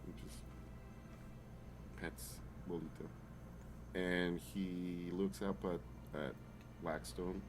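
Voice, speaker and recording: A man's voice: low voice, little pitch movement, slow, pauses often, background noise. A man playing a tabletop role-playing game, improvising narration of what his character does.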